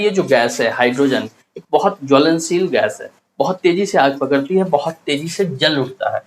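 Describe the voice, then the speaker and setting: A man's voice: on the high side, a little hiss or hum, low-quality recording. A male chemistry teacher, giving a classroom lecture and asking and answering his own questions as he explains step by step.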